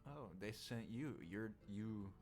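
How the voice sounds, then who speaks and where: A man's voice: on the low side, slow pace, a little mellow, soft background music. A man playing a tabletop game, chatting casually as his character.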